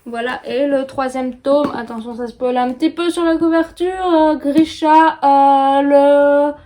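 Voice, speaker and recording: Belgian woman in her 30s doing a book vlog, high-pitched, lots of ums, talks into her phone. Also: fairly even intonation, measured pace, warm tone. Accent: Belgian French. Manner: chatty, hesitant with frequent fillers. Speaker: book vlogger. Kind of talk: casual book review vlog.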